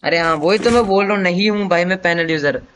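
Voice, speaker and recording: A young man doing live gameplay commentary in a slightly raised voice, teasing his teammates and tossing in English slang. Steady gunshots and machine-gun fire from the game ring out clearly beneath him. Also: sits high, quick pace, a little hiss or hum. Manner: joking, teasing banter with teammates, mixing in English phrases. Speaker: livestreaming gamer. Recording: game gunfire loud under voice.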